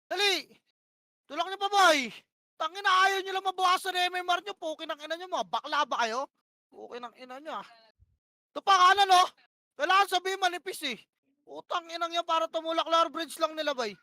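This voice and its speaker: A woman's voice: very high-pitched, sharp tone, no echo, studio quality. A woman calling plays to her team during an online game, bossy and profane, firing off short repeated commands. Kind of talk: live gameplay shot-calling.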